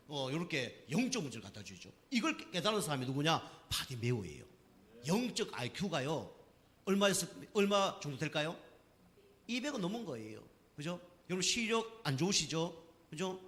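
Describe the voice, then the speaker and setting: A man's voice: fairly high pitch, fairly bright tone, in a large hall. A man preaching a sermon to a congregation, asking them questions and checking with them again and again. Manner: asks the congregation questions and keeps checking with "right?". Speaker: pastor. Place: church sanctuary.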